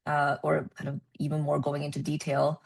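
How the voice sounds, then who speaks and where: A woman presenting at a research meeting, explaining with many ums and pauses. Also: deep voice, monotone, gravelly, husky. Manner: hesitant, many ums and uhs.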